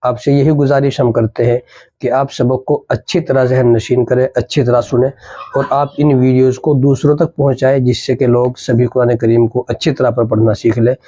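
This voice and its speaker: A man who teaches Arabic, giving a Quran reading lesson that switches from brisk explaining to slow, drawn-out letter drills. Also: mid-range voice, little pitch movement, dark tone, no room sound, poor audio.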